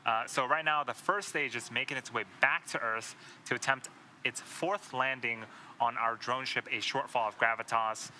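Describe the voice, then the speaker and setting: A man with a very bright, forward voice commentates live on a launch webcast. He explains technical steps in an instructive way at a medium pitch. There is faint noise behind him. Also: steady tone, normal speed.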